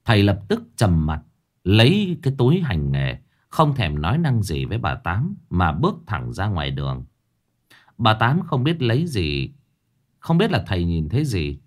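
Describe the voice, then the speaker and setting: A man narrating a ghost story, with a pitch that rises and falls in a lively way. He tells it expressively, leaning into the tension.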